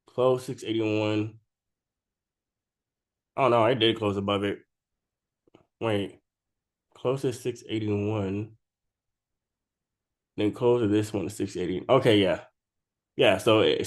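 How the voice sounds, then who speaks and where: On the low side and fairly even in intonation, his voice moves slowly with long pauses. He's a trading video creator sick with a cold, giving informal, unscripted chart commentary peppered with slang and repeated "right?" check-ins.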